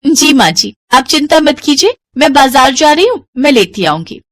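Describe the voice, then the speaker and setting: A woman's voice: high voice, very animated, moderate pace, a bit bright, pitched above the performer's own voice. A woman doing a meek young daughter-in-law. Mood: obliging. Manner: polite, eager. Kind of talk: animated family story voice acting.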